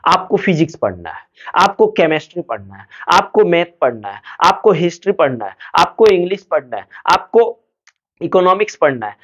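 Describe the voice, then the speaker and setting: A man giving students study advice like a teacher, his pitch rising and falling a lot. He asks a question and answers it himself, and the recording sounds dull and lo-fi. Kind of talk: motivational study talk to students.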